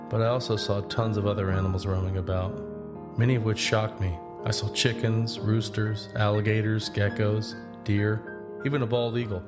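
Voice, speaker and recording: A man, lightly acting, serves as narrator and lead of an audio drama, voicing a laid-back young man recounting his own story. His plain, conversational, scripted first-person telling is reflective, and his slightly low voice sits beneath prominent guitar music.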